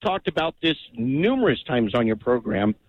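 A man's voice: mid-range voice, big pitch swings. Rambling male radio caller on a dull line. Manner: agitated, rambling, halting. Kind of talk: call-in radio. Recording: dull phone-line audio.

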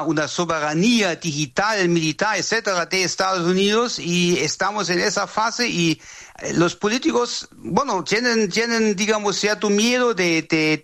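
A German man with a German accent answering interview questions as a legal expert. His voice sits high and sounds bright, and he often pauses and repeats words while he looks for the next one.

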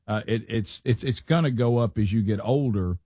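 A man's voice: fairly low pitch, moderate pace, warm tone, slightly rough, no room sound, studio quality. A man, hosting a show with folksy, chatty talk full of fillers and restarts. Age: 60s. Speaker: radio show host. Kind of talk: casual chat.

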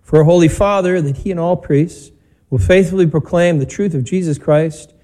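Male priest at a pulpit microphone, mellow and warm, measured, plain-spoken. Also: on the high side. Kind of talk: homily and spoken Mass prayers. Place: church during a broadcast Mass.

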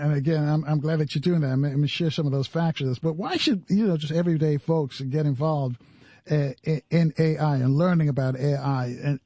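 A man's voice: a little high, husky, no room sound. A man hosting a radio talk show, chatting with guests with many restarts. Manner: warm conversational, many restarts. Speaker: radio host.

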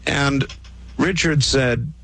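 A man hosting a call-in radio show in a smooth radio host manner, easygoing and chatty. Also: mid-range voice, noisy background. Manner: easygoing, chatty, quick to laugh.

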